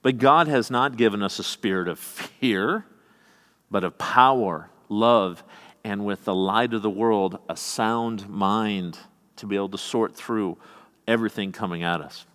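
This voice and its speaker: Male pastor with a Midwestern accent; sermon delivery, scripture reading mixed with folksy asides; low voice, long church reverb. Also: a little slow, a bit bright. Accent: American Midwestern. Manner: reads scripture aloud and adds folksy asides. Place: church sanctuary.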